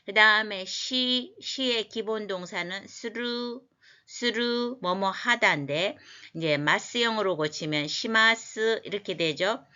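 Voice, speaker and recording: A woman giving a language lesson as a teacher, explaining scripture word by word and repeating phrases slowly for learners. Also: mid-range voice, pushed and bright, muffled recording.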